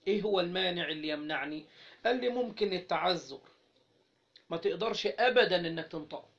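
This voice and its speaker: A fairly high-pitched man with an Egyptian Arabic accent teaches grammar, leaving gaps for his students to fill and drawing out example words slowly. The recording is dull and lo-fi. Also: creaky. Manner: prompts students to finish his sentences. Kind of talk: interactive grammar lesson.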